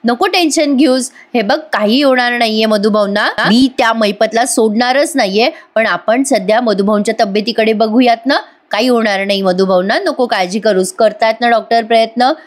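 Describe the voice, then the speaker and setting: A man's voice: very high voice, normal speed, hardly any pauses. A woman voicing a worried young husband from a TV serial who speaks soothingly and insistently. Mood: reassuring.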